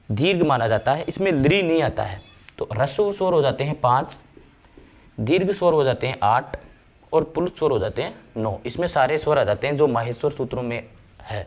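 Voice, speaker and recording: A man explaining grammar step by step, slowing down to recite verses and sounds. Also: fairly high pitch, darkish tone. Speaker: Sanskrit grammar teacher. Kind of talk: classroom lecture.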